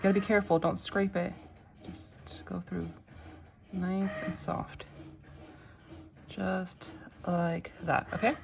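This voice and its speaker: A woman giving a casual, step-by-step craft tutorial in a reassuring, unhurried way, often checking in, with machine noise behind her. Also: on the low side. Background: machines running, clicking sounds.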